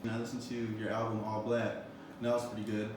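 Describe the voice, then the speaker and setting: A young man in his twenties hosts a casual interview, his delivery quick and level with little rise and fall. He rambles, stacking fillers as he goes. His voice sits back from the mic in a roomy, echoing space with steady noise behind it. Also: lowish voice. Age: 20s. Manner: rambling, many fillers like "you know" and "um". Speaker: interview host. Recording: roomy echo, far from the mic, background noise.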